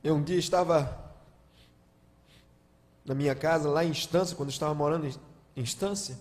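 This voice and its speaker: A guest pastor, preaching a sermon and telling stories, moving from hushed to loud emotional appeals. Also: male voice, fairly high pitch, fairly even intonation, normal speed. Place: large church hall. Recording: long church-hall reverb.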